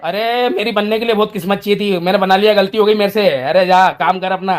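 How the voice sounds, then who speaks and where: A man's voice: sits high, fairly even intonation, fast. A middle-aged man arguing heatedly on a live stream, scolding and repeating the same accusations again and again. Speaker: livestreamer in a family quarrel.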